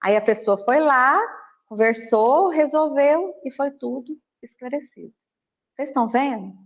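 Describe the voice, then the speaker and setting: A woman's voice: high voice, moderate pace, lo-fi sound. A woman giving a spiritist lecture, telling stories animatedly and acting out the dialogue. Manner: animated storytelling, acts out dialogue. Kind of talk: spiritist talk. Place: home video call.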